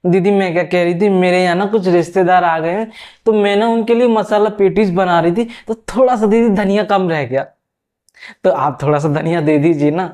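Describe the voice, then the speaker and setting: A man's voice: sits high, moderate pace, darkish tone, close to an everyday voice. A man voicing a pushy middle-aged female neighbor who keeps borrowing things, in a wheedling, sugary tone.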